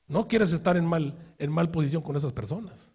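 A male pastor with a husky, fairly high voice preaches a sermon at a fairly quick pace. He tells a story through vivid acted-out quotes and rhetorical questions to the congregation, shifting from hushed asides to loud, shouted outbursts.

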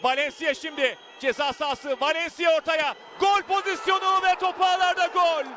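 A man giving live football commentary, screaming his goal calls with excitement. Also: very high-pitched, normal speed. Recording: noisy stadium broadcast with crowd.

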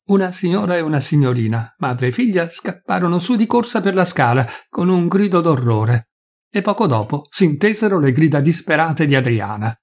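Husky man reading a classic novella. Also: fairly high pitch, big pitch swings. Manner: measured dramatic storytelling. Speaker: audiobook narrator. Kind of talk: literary audiobook reading.

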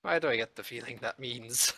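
Bright-voiced man chatting through a game. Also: mid-range voice, fairly quick, no room sound. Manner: chatty, amused, narrates the action. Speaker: host playing an online game. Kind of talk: casual gaming chat.

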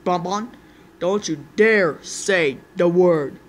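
A woman performing an improvised toy skit, voicing every character herself and jumping between squeaky high voices and low mutters. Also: slow, slight background noise.

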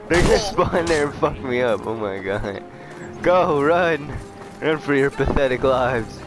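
A young man narrates his gameplay in a loose, profane stream. His pitch swings widely from low grumbling to panicked shrieks, and he talks at an unhurried pace. Game music plays clearly behind him. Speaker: gamer. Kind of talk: let's play commentary.

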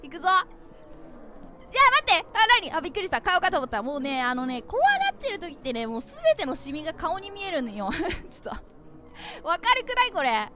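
A young woman giving animated, jumpy commentary as she plays a horror game, calling herself by name. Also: high-pitched, brisk. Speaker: game streamer.

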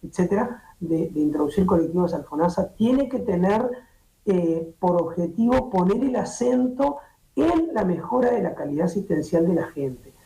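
Over a video call from his home office, a middle-aged Uruguayan doctor is interviewed on a streaming show, talking at normal speed in a high, expressive voice with a dark tone. He explains at length in Uruguayan Spanish, full of restarts and fillers. The laptop or webcam audio is echoey.

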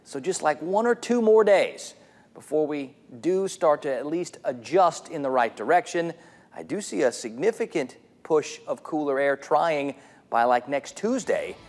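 A man giving a morning TV weather forecast in a relaxed, conversational way. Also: fairly high pitch, measured pace.

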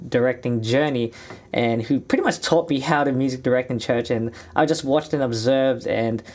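A young man from Sydney with an Australian accent talks at a moderate pace and medium pitch. As a musician and vlogger, he delivers a casual, upbeat vlog to camera in a small indoor music studio, using his hands a lot.

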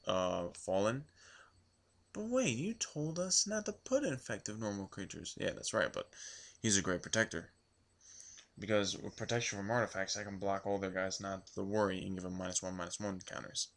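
Hoarse and worn from yelling, a man's low-pitched voice recaps a card game event in a casual vlog. He rambles, with plenty of ums and restarts.

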